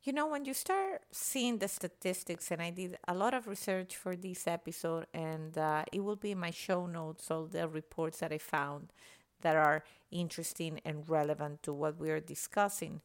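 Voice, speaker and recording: A woman's voice: lowish voice, normal speed. A woman from Venezuela, speaking passionately and emphatically in a podcast monologue. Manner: passionate, emphatic, citing statistics. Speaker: podcast guest.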